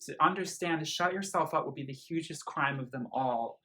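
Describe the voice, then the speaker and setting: A man whose voice runs on the high side and sharp speaks a little fast in a casual, gushing album review. Earnest and emphatic, he punctuates his commentary with lyrics read aloud.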